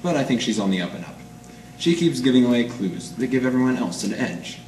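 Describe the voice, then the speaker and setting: An amateur radio-drama actor performs live in an art gallery as a world-weary, cynical small-time detective in 1940s radio noir style, using wry, clipped hard-boiled slang in a businesslike mood. His natural mid-range voice has a darkish tone and lively intonation, a little fast. A distant mic captures an echoey, noisy room.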